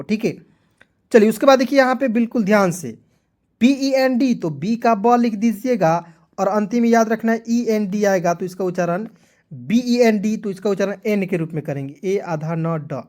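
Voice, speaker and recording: A man teaching English pronunciation as a lesson in Hindi, spelling out letters, repeating each word and asking his viewers if it is clear. He says he is sweating in the heat. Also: high voice, a little mellow. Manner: repetitive, spells letters out and drills, asks "clear?". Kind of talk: Hindi-language phonics lesson.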